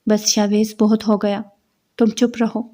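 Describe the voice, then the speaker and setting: A woman's voice: mid-range voice, level tone, mellow, lightly acted. A woman reading a story aloud, voicing a stern, commanding father. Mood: furious. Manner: firm, commanding. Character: stern fatherly older man, proud then furious.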